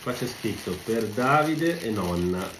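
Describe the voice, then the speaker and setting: A woman, a family member, speaking quietly and matter-of-factly from off-mic. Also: extremely low pitch, expressive, a little slow. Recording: echoey room, off-mic, noisy.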